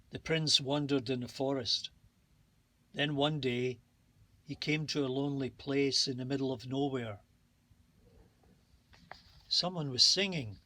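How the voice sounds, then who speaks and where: A man reading a bedtime fairy tale aloud in a slow, calm and soothing way. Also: mid-range voice, no echo. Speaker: storybook narrator. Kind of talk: bedtime story read-aloud.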